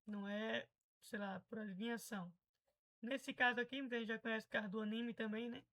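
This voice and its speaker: A woman's voice: on the high side, fairly even intonation, a little fast, fairly bright tone, low-quality recording. Chatty Brazilian woman teaching pronunciation. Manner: chatty, explains patiently and repeats example words. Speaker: English teacher. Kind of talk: casual pronunciation lesson.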